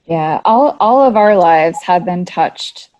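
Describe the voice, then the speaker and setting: A woman with a somewhat low voice hosts a podcast interview. She speaks sincerely and effusively, thanking her guest. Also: expressive, takes it slowly, darkish tone, low-quality recording. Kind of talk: heartfelt interview closing.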